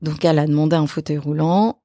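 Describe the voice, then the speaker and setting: A woman, an actress and author, telling a personal story as a podcast guest, halting and repeating her phrases. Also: low voice, steady tone, dark tone, no echo, studio quality.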